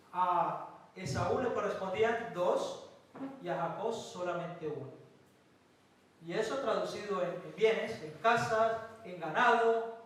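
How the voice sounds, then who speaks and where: Male pastor from Colombia, higher voice, emphatic sermon delivery, recorded from a distance in a church hall. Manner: preaching with emphatic pauses and rhetorical questions.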